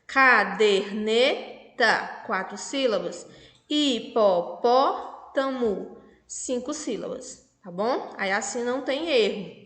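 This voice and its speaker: A woman with a Brazilian Portuguese accent, a primary school teacher slowly and patiently explaining a lesson to children. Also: fairly high pitch, expressive. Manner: patient, spells out syllables, asks checking questions. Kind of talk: slow remote lesson for children. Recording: echoey room with long reverb.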